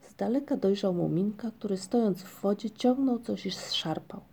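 Gravelly woman reading a storybook. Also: medium pitch, normal speed, dark tone. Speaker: narrator.

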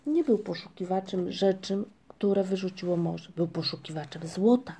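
A woman reads a children's storybook aloud in a gentle, even manner. Her voice is mellow and carries a gravelly texture. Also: fairly low pitch, moderate pace. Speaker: narrator. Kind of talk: storybook reading.

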